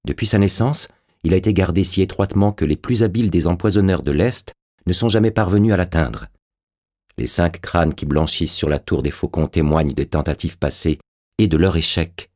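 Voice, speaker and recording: A fierce, desperate young royal sister, as a male narrator puts her on, urgent and passionate in a low, husky voice. An audiobook figure full of rage and grief. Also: brisk, a little mellow, no echo, studio quality. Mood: anguished.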